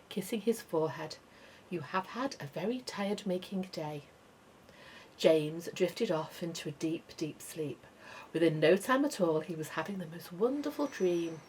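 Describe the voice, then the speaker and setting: A woman reading a children's story aloud in an expressive way, going soft and hushed at calm moments. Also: fairly low pitch, slight background noise. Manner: expressive, softening to near whisper at calm moments.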